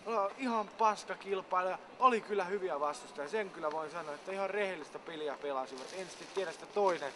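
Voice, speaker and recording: A man's voice: on the high side, hardly any pauses, noisy background. A man in a comic mock interview, complaining in a weary, whiny way about being worn out.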